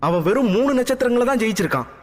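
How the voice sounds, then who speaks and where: A man voicing a proud, quick-tempered young princess who talks high, fast and indignant. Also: animated, in a large hall. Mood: tearful.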